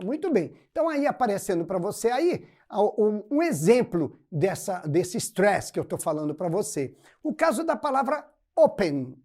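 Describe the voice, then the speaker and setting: Lively Brazilian woman teaching English. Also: mid-range voice. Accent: Brazilian Portuguese. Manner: explains step by step, checks in with frequent "ok?" and "muito bem". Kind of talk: recorded classroom explanation.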